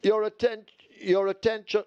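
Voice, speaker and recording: A man giving formal race-day announcements as a racetrack announcer, heard through a megaphone-like public address. He speaks in a measured way and repeats the key details. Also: high-pitched, level tone, a little mellow, clear, resonant tone, dry recording. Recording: dull, lo-fi PA sound.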